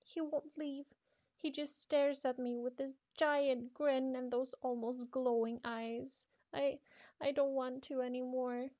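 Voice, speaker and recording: A woman's voice: sits high, steady tone, normal speed, muffled recording, voice pushed up, natural voice. A woman voicing a frightened, obsessive young schoolgirl reading out her horror diary, pleading, stammering and repeating herself. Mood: terrified, pleading.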